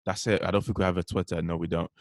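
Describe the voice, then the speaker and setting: A man's voice: sits low, flat delivery, very fast. A young man co-hosting a casual podcast, laid-back and joking. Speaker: podcast co-host.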